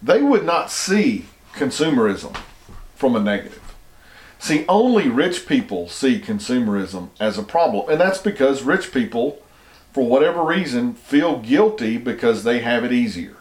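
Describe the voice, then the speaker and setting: A man's voice: medium pitch, very animated, normal speed, echoey room. A man from the United States giving an argumentative opinion monologue, emphatic and often restarting his words. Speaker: commentator.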